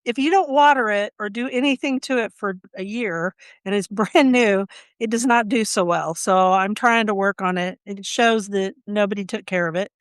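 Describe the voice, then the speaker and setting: A woman from Oklahoma co-hosting a gardening podcast, chatting casually and telling quick stories with asides. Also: medium pitch, smooth, no echo. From Oklahoma, USA. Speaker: podcast co-host. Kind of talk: casual chat.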